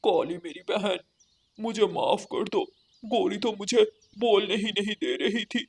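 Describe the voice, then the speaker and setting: A woman's voice: mid-range voice, measured pace, darkish tone, husky. A woman doing a worried male crow. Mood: earnest.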